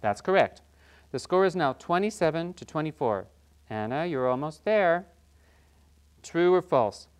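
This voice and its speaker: A performer playing an upbeat quiz show host who briskly announces questions and scores in a scripted game show parody. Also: medium pitch, expressive, smooth, lightly acted.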